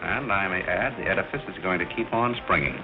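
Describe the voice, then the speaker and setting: An actor playing a dry, dignified gentleman butler in 1930s screwball film style, speaking in a measured, wry, formal way. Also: low-pitched, lively intonation. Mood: dryly amused. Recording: muffled 1930s film soundtrack with music.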